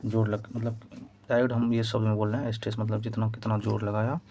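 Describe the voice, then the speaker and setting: Low, flat-voiced man teaching physics. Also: fast talker, a little hiss or hum. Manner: repetitive, explaining step by step while writing. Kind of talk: exam-prep physics lesson.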